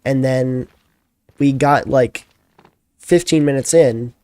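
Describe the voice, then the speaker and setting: A man's voice: mid-range voice, takes it slowly, darkish tone, clean tone, no room sound. A tired young man chatting casually as a streamer, telling a rambling story full of fillers.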